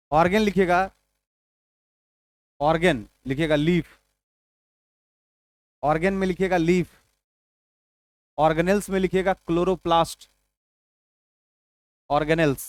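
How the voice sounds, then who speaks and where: A man's voice: on the high side, fairly even intonation, takes it slowly, pauses often, no room sound. A male teacher giving an exam-prep biology lecture, repeating key points and dictating notes, asking and answering his own questions.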